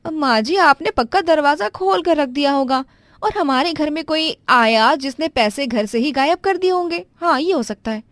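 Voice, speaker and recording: A woman voicing a scheming young wife who lies and stammers out excuses in a high voice. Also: lively intonation, normal speed, a bit bright, no room sound. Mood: pleading. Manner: high, pleading, fibbing with stammers.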